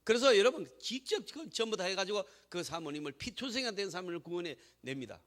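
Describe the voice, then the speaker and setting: A man pastor preaching a sermon, telling a story emphatically and calling out to the congregation, moving from hushed to loud. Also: high-pitched, sing-song, fast. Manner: swings between hushed storytelling and loud exhortation.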